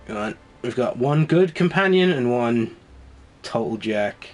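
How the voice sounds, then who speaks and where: A let's play host with a cold sounds snuffly as he gives rambling, wry commentary on a video game, laughing often. His medium-pitched voice is animated and a little slow, in a casual gameplay style.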